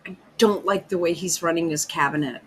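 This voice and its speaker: A woman hosting a podcast, ranting in casual commentary, profane and excitable, often interrupting herself. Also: lowish voice, fairly quick, slight background noise, rough recording. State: hiccuping. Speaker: podcast host.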